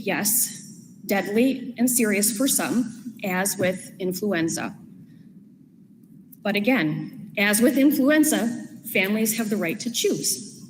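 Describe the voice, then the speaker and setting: A woman, a parent, giving an earnest public comment at a school board meeting, with chatty asides. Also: medium pitch. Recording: echoey hall with steady background noise.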